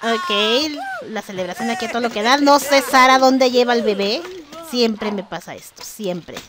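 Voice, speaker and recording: Young woman, gaming vlogger, high bright register, chatty and teasing commentary. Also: moderate pace, crowd noise. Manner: chatty, exasperated, jokes with game characters. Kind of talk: casual gameplay commentary.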